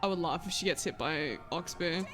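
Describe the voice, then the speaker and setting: Her voice is lowish and a bit bright, at normal speed, as she live-streams a roleplay game from home with a vacuum going in the room. Giggly and talkative, she's easily amused and chats casually while playing.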